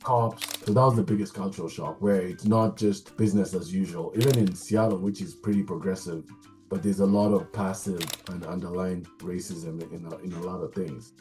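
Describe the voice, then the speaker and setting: A low-pitched man with a Kenyan accent and a mellow, dark tone, speaking as an interview guest. He talks thoughtfully, with ums and restarts, and faint music plays in the background. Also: fairly even intonation, normal speed. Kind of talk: conversational interview.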